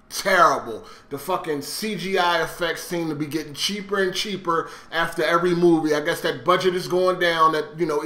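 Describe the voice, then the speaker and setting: Bluntly and with plenty of swearing, this man riffs on games as a video host, his voice slightly high, strained and bright. The sound is echoey and roomy, and he keeps pausing for conversational check-ins with whoever's listening.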